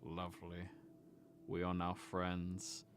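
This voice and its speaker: For a tabletop game, a man voices the creepy, lanky last survivor of a dead race, who is quietly and eerily friendly. He speaks softly and deliberately in a low, monotone voice, with phlegm in his throat.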